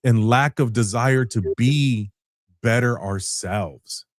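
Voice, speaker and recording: A blunt middle-aged man from California co-hosts a casual, opinionated chat, swearing freely and slipping into sarcasm. His voice sits at an ordinary pitch. The sound is dry and close, with no room around it. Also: slow pace, no echo. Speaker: podcast co-host.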